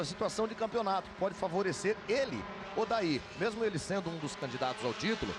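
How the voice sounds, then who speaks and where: A man with a Brazilian accent giving live motor race commentary, drawing out his calls of the action dramatically. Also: mid-range voice. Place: commentary booth at a racetrack. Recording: loud engine and trackside noise behind. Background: loud car and outdoor track noise.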